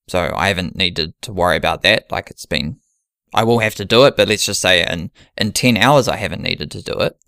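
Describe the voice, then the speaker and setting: A man's voice: low-pitched, fairly bright tone, clear, resonant tone, no echo, clean studio sound. A man in casual podcast chat, planning an ultramarathon and thinking aloud with many restarts.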